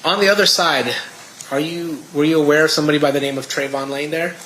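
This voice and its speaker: An American man examining a witness as a lawyer, putting questions in a halting, deliberate way. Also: fairly high pitch, pushed and bright. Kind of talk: courtroom examination. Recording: echoey room with background noise.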